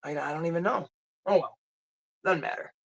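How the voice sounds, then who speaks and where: This is a livestream host chatting casually to viewers and answering their comments. The talk rambles and drifts, with pauses while the speaker hunts for a name. The voice sits in an ordinary middle range. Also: mid-range voice, vocal fry, a bit bright. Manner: rambling, searches aloud for titles.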